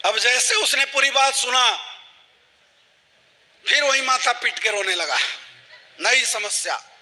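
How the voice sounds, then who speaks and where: A man's voice: extremely high pitch, lively intonation, slow, pushed and bright, long reverb tail. A man giving a motivational talk to a live audience, telling a story and asking the audience rhetorical questions. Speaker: motivational speaker.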